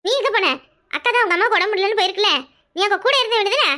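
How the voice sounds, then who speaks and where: A woman's voice: extremely high pitch, expressive. A woman with a Kanyakumari Tamil accent voicing a bossy, nosy village neighbor woman who scolds in a cartoon. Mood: scolding. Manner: sharp, scolding, rapid questions. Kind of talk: cartoon voice acting.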